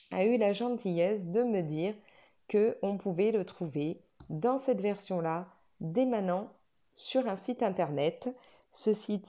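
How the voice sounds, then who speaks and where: Hesitant woman with a mellow voice. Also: on the low side. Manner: hesitant, many fillers and restarts. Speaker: coloring book vlogger. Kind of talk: casual video chat.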